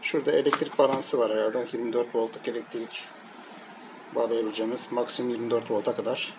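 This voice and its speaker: A man speaks flatly at medium pitch while reviewing products at an indoor table, handling them and explaining piecemeal in a halting, improvised way. The amateur home recording is noisy, and background noise comes through clearly.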